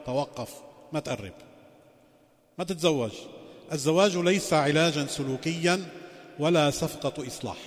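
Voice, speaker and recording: A man giving a religious lecture as a sheikh. He poses rhetorical questions and moves between formal phrasing and colloquial asides. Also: on the high side. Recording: long reverberant hall.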